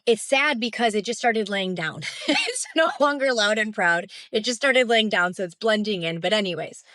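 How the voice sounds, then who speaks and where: A woman's voice: medium pitch, fairly bright tone. This is a woman in her thirties speaking on her own podcast. She sounds casual and upbeat, and she laughs often between points. Her talk is loose and conversational, full of "you know" and "right?". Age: 30s. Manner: chatty, upbeat, laughs often, many fillers. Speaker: podcast host and health coach.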